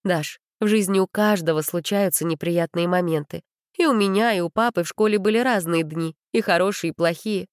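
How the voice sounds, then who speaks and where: A woman voicing a caring mother of a schoolgirl, gentle and soothing, in a storybook reading. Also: lowish voice, a little fast, no room sound, clean studio sound, lightly acted.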